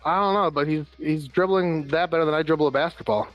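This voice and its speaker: This play-by-play caller is an American man with a somewhat high voice, running fast through the passes and shots of an amateur floor hockey game with the occasional dry quip. The audio is dull, with faint music in the background.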